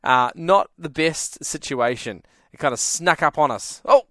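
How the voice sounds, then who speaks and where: A man's voice: fairly high pitch, animated, unhurried, bright, forceful tone, no room sound, clean studio sound. A man hosting a radio talk show, chatty and laughing along with callers. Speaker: radio host. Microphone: studio microphone.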